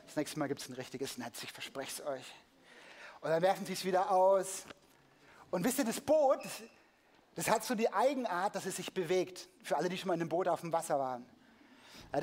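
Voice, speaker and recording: A preacher giving a lively sermon in a church, telling a Bible story, joking with the congregation and acting the scene out with a prop. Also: mid-range voice, moderate pace.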